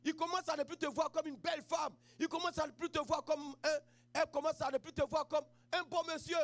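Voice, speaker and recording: A man with an Ivorian French accent preaching a sermon as pastor, moving from quiet personal storytelling to shouted, half-sung exhortation. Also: extremely high pitch, fairly even intonation, fairly quick.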